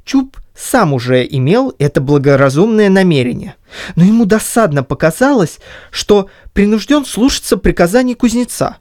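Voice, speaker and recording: A woman reading a classic story aloud as an audiobook, in an expressive storytelling manner. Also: medium pitch, normal speed, dry recording, studio quality. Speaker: reader.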